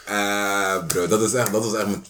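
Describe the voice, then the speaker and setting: A man's voice: fairly low pitch, fairly even intonation, moderate pace, sharp tone, a little hiss or hum. A man telling a story in casual chat, laid-back, mixing street slang with English phrases.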